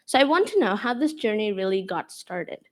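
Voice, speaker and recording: A woman moderator who reads a formal introduction and asks questions in an earnest, admiring, slightly halting way. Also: medium pitch, big pitch swings. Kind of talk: reading an introduction, then asking interview questions.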